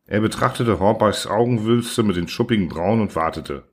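A male audiobook narrator reads the story in a steady, even style. His voice sits somewhat low, and his delivery stays scripted and composed. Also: moderate pace.

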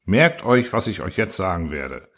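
A man reading the part of a condescending machine that rules by order and lectures its makers in a calm, lecturing manner. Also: sits low, normal speed, exaggerated voice. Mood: cold. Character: cold, lecturing order-obsessed machine ruler.

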